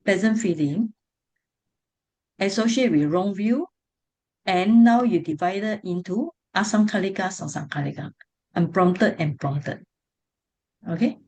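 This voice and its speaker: A woman's voice: medium pitch, measured pace, pauses often, darkish tone. A woman with a Singaporean or Malaysian English accent teaches an online class, explaining step by step in colloquial Singlish and checking that students follow. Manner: colloquial Singlish phrasing with tag words like "ah". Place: online video call class.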